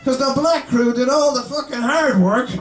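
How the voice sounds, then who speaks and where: A man's voice: very high voice, moderate pace. An Irish man doing a crude, rowdy stand-up set on a club stage, swearing often. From Ireland. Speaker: stand-up comedian. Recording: roomy live club, distant mic, crowd laughter. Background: laughing audience.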